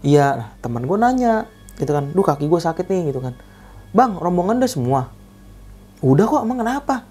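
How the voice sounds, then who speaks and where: A man's voice: high voice, big pitch swings, fairly quick, darkish tone, breathy edge, soft background music. A young man, casually telling a true spooky hiking story and acting out the quoted dialogue in slang.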